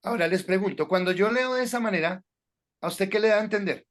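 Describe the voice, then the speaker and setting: A man's voice: high voice, quick pace. A man teaching a class on preaching, giving direct instructions to the students with frequent hesitations. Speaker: preaching instructor at a Bible school. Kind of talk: classroom lecture on sermon delivery.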